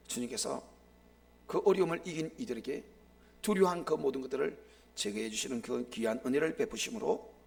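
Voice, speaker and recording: A middle-aged man preaching a live sermon as a pastor, impassioned, swinging sharply between loud and hushed. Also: on the high side, creaky.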